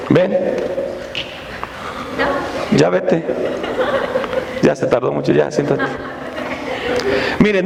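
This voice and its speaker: A man's voice: a little high, vocal fry, a little hiss or hum. A man preaching a sermon as pastor, often asking the congregation rhetorical questions. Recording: long reverb of a church hall.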